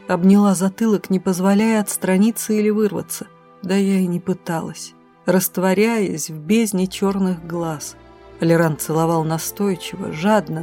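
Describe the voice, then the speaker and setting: A woman narrating a first-person audiobook with an expressive, dramatic reading. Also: on the low side.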